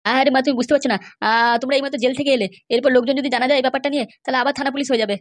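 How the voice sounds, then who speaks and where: A woman's voice: high voice, steady tone, very fast, voice pushed down, natural voice. A woman voicing an anxious young married man in a cartoon, pleading and flustered.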